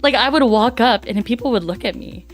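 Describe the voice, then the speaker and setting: Raspy, bubbly woman streamer chatting. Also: on the high side, quick pace. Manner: bubbly, giggly. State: hoarse from coughing. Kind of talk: casual chat stream. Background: faint background music.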